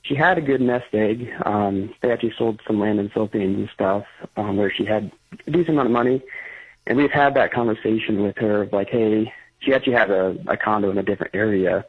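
A man calling in over a phone line, explaining his question in an earnest, halting way. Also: fairly low pitch, slightly rough. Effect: phone line into the show. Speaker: caller. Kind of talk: call-in advice question. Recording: tinny phone line that breaks up.

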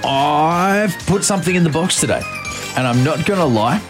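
A man's voice: a little high, lively intonation, normal speed. A man bantering playfully and casually as a breakfast radio host. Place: radio studio. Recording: music behind studio radio talk.

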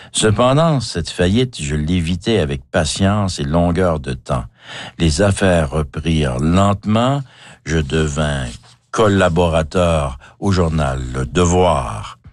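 A man in his fifties with a Québécois accent, reading his own memoir in a measured, wry, slightly theatrical way. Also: sits low, a little mellow, no room sound, clean studio sound. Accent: Québécois French. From Quebec. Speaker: author narrating his memoir. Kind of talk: reflective autobiographical reading.

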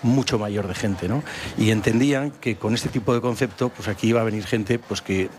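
A man's voice: fairly low pitch, moderate pace, a little mellow. A man from San Sebastián, a company founder, answering interview questions hesitantly with many restarts. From San Sebastián, Spain.

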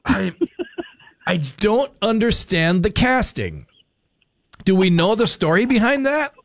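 Chatty talk radio host, dry studio sound. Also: male voice, sits high, animated, slow pace, no room sound. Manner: chatty, banters with callers and producer. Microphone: studio microphone.

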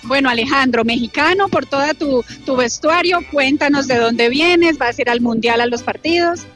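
A woman reporting live from an outdoor fan festival plaza, lively and upbeat, interviewing a fan. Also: high-pitched, moderate pace, faint music behind. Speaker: field reporter.

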